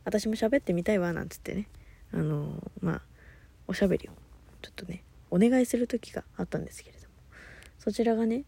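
A woman's voice: fairly quick, gravelly, long pauses, husky. A woman hosting her own talk radio show, chatting casually on her own, often losing her thread. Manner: rambling, loses her thread, laughs often; high-energy, lively talker. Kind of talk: casual solo chat.

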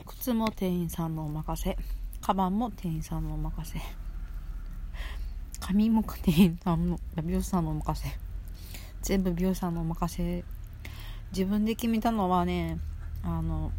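A woman hosts a solo audio show, eating as she talks in a casual, rambling way, often with her mouth full and frequently repeating phrases. Her voice is on the low side and dark in tone, unhurried and broken by long pauses. Slight background noise is audible.

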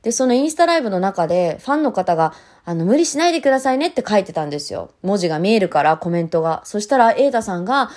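A woman talking alone on a podcast in a casual monologue, candid and reflective, addressing her listeners directly with many soft fillers. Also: medium pitch, sing-song, fast, few pauses. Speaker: podcast host, single mother.

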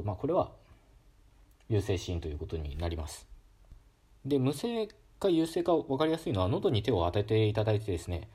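A man giving a calm, casual educational talk on pronunciation, demonstrating sounds aloud with frequent fillers. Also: fairly low pitch, breathy edge. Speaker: solo talk host explaining linguistics.

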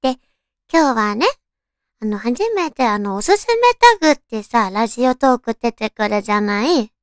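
Cute anime-voiced woman, lively high pitch. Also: normal speed, dry recording, clean studio sound. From Tochigi, Japan. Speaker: radio talk show host. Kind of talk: casual solo chat.

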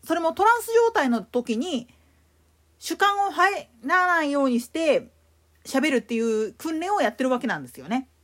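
A woman with a Kansai accent giving a solo explanatory talk as a podcast host, emphatic in her delivery. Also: normal speed. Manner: explanatory, emphatic, lively pitch swings.

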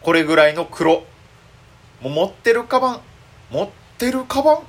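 A young man with a Kansai accent, hosting a solo chat show as a comedian, thinking aloud excitedly and fretting as he rambles. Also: high voice, normal speed. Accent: Kansai Japanese. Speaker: comedian and podcast host.

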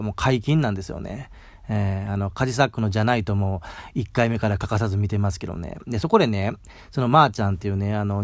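A man from Mie rambles through a casual solo talk, recorded outdoors. He talks fast with a gravelly edge, and his voice sounds dry and close. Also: on the low side, dry recording. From Mie, Japan. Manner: rambling, chatty, tags sentences with "ne". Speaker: podcast host.

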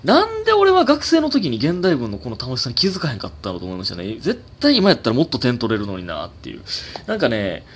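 A man's voice: mid-range voice, fast talker, slightly rough. A man in his twenties with a Kansai accent, hosting a casual solo talk show and reading letters in a rambling, filler-heavy way. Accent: Kansai Japanese. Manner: rambling, chatty, many fillers, swings up in excitement. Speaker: podcast host.

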